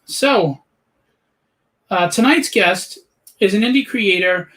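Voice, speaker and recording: A man's voice: high voice, slow pace, a bit bright, rough recording. A man in his late forties hosting a casual interview chat, chatty and joking. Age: 40s. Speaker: podcast host.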